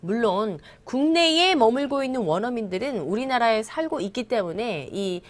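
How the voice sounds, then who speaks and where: A woman from Korea teaching an English lesson, her fairly high voice swinging widely in pitch. She explains patiently and slows right down to read each English example with care. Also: lively intonation. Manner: explanatory, reads English examples slowly and deliberately. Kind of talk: classroom lecture.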